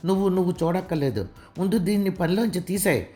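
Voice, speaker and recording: Give me a woman doing a flustered, hot-tempered young man, mellow in tone. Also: fairly low pitch, quick pace, lightly acted. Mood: agitated. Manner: shouting, flustered.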